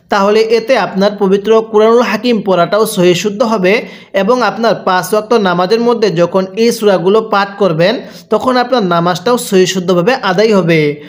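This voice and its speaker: A man teaching a Quran recitation lesson, drawing out each syllable slowly for the listener to repeat, then explaining rules more briskly, with a Bangladeshi Bengali accent. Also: high voice. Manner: slow drawn-out syllables for repeat-after-me, brisker when explaining.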